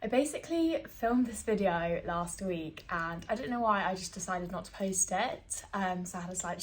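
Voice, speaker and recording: A woman, chatting casually to her phone camera at home with plenty of fillers and giggles. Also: medium pitch. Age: 20s. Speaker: vlogger.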